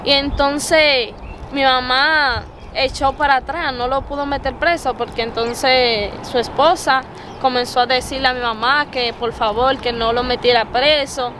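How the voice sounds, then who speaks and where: A woman's voice: high-pitched, fairly even intonation, a little slow. A twenty-year-old woman from the Dominican Republic with a Dominican accent, giving her testimony in an interview in an earnest, hesitant way. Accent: Dominican Spanish. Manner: earnest, hesitant, with many fillers and repeated words. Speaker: interview guest, preacher. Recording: noisy outdoor recording with traffic.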